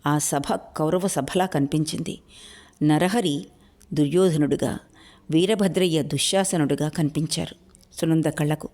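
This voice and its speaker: Brief: female storyteller, dramatic literary reading, slightly low voice. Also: measured pace. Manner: expressive, dramatic narration.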